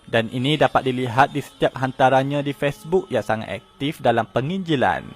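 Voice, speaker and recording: A man, giving scripted news narration in a steady reporting tone. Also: mid-range voice, fairly quick, faint music behind.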